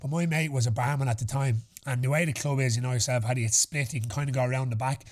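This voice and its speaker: A man's voice: medium pitch, steady tone, quick pace. Irish male, aged thirty, podcast host; casual, slangy anecdotal delivery with some swearing. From Ireland. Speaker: podcast host answering listener questions. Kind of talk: casual chat.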